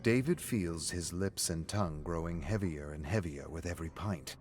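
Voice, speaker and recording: Low-voiced man narrating a story. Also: moderate pace, a little mellow, soft background music. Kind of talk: reading a story aloud on a live stream.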